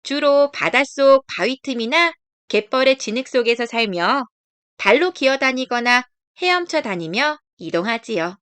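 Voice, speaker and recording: Gentle and storyteller-like, a woman narrates a children's picture book with high, lively energy and a smooth, clean tone. She keeps a measured pace, and the recording is dry.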